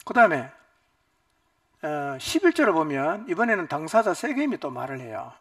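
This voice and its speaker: A male pastor preaches at a church retreat in a high, very lively voice. He swings from loud, animated outbursts to quiet asides. The sound is dry, with him a little away from the microphone. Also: normal speed, breathy edge, dry recording, distant mic. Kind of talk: retreat Bible lecture.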